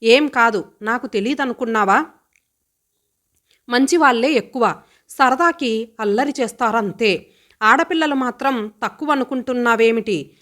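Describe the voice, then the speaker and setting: Female narrator doing a defiant student girl, fast retorts, slightly high voice. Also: fairly bright tone. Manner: bold, mocking, quick retorts. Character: headstrong teasing college girl.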